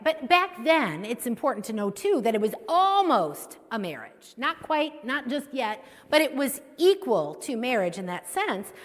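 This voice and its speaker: A woman pastor giving a conversational sermon, chatty and often checking in with the congregation. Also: on the high side. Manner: chatty, keeps checking in with "right?". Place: church sanctuary. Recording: long church reverb.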